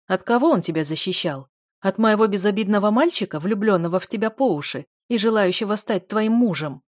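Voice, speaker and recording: A woman's voice: mid-range voice, lively intonation, brisk, no echo, studio quality, natural voice. A woman voicing an arrogant, middle-aged male aristocrat who hisses and blusters with indignation, in an audiobook reading. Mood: haughty.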